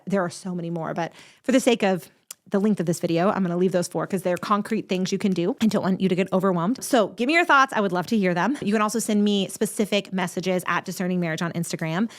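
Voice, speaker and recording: A woman giving conversational advice to viewers in an earnest, encouraging and emphatic way, like an online video presenter. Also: medium pitch. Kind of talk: conversational advice talk to camera.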